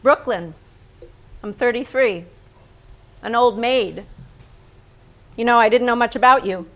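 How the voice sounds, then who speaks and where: Heard on a low-quality recording, an actress with a fairly high, fairly bright voice portrays a smitten painter in her thirties who reminisces frankly. The staged reading is theatrical, with an intimate, deliberate dramatic style.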